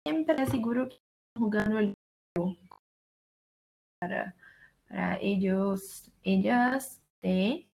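A woman's voice: medium pitch, gravelly, darkish tone, low-quality recording. A woman explaining German grammar in a casual lesson, hesitant and full of fillers. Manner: slow, hesitant, many fillers. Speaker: German teacher.

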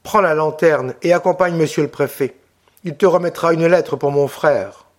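A man's voice: a little high, moderate pace, natural voice. Colomba, a fiery pleading young woman, read by a man. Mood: urgent. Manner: vehement, pleading. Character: passionate young Corsican woman, fiercely insistent.

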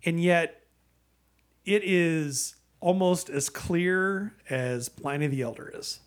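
A man who co-hosts a podcast, giving a casual, rambling and halting review in a conversational style. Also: a little high. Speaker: podcast co-host, beer reviewer. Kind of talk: casual beer review chat.

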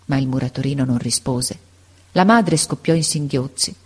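A woman narrating a storybook in a measured, unhurried reading voice. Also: rumbling low, darkish tone, husky. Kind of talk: scripted audiobook narration.

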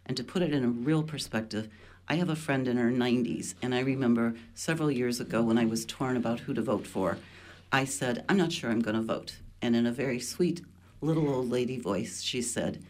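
A woman studio guest on a radio discussion, making earnest, deliberate appeals. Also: rumbling low, darkish tone, a little hiss or hum.

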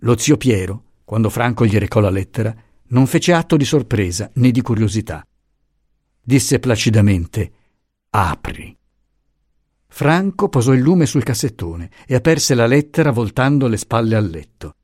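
A man narrating an audiobook chapter with expressive, dramatic storytelling. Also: mid-range voice, normal speed, few pauses, no room sound, studio quality.

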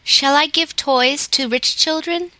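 A woman doing a gentle, kindly toymaker. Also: high-pitched, a little slow, no echo, voice pushed up. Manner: gentle, thoughtful.

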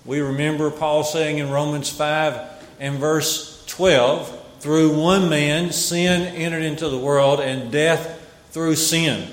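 A man preaching a Bible sermon with a slightly raised pitch, measured and emphatic, going back over his key phrases. His voice carries through a roomy hall and trails off in a long reverb. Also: fairly even intonation.

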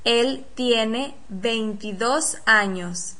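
Woman teacher, bright and slightly high voice, very slow careful drill delivery. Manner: careful, deliberate, model-sentence delivery. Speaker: language teacher. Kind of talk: slow, clearly articulated pronunciation drill.

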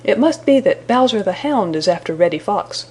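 A mischievous young rabbit from a storybook, as a woman reads him, thinking aloud with caution. The voice is near her own, husky and breathy. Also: medium pitch, expressive, moderate pace, darkish tone. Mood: wary.

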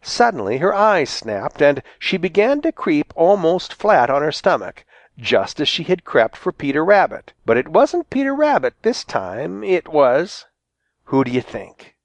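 A man reading a children's storybook aloud with a lively, expressive delivery. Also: on the high side, measured pace, no room sound. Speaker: volunteer audiobook reader. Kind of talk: storybook narration.

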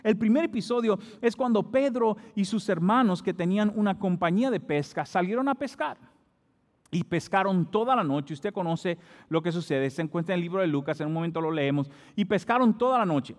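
A male pastor preaching a sermon in a church, building his delivery to emphatic peaks. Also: high-pitched. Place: church hall. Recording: long hall reverb.

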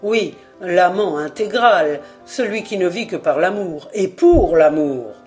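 A woman's voice: lowish voice, expressive, slow, darkish tone, soft background music. A woman voicing a vain, elegant man who speaks in a persuasive, caressing way in an audiobook. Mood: coaxing. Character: suave vain male seducer, adult.

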